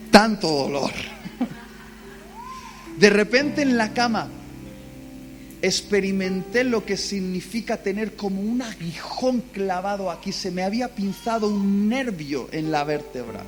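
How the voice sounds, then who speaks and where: A man's voice: high voice, a little slow, faint music behind. A man from the Basque Country preaching a live sermon in a church, telling stories dramatically and acting out cries of pain. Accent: Spanish. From Basque Country, Spain.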